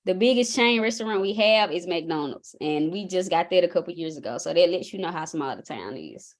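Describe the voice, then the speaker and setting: A woman's voice: on the low side, a little fast. A young woman from Mississippi with a Southern accent, chatting casually about herself as an interview guest and basketball coach. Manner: relaxed, chatty, folksy.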